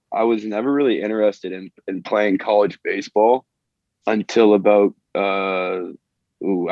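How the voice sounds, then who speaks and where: A man's voice: fairly low pitch, no echo. A young man from Maine, a college baseball player answering interview questions hesitantly, with many fillers and restarts, on a dull lo-fi recording. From Maine, USA. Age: young adult. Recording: dull lo-fi audio.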